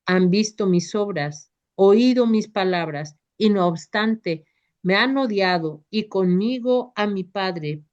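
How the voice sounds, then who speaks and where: Un maestro sereno y misericordioso, en la voz de una mujer, que enseña con solemnidad y calma. Habla muy despacio, en una grabación apagada y de baja fidelidad. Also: female voice, mid-range voice, takes it slowly, natural voice. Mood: solemn. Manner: gentle, solemn instruction. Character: Jesus, calm merciful male teacher. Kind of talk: devotional reading. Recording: dull lo-fi recording.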